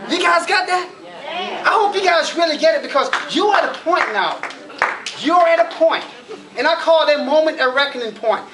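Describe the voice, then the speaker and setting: A man's voice: very high-pitched, animated, moderate pace, noisy background. A middle-aged man giving a motivational keynote speech at a college event, telling stories and acting out his own inner thoughts with building emphasis. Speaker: keynote speaker.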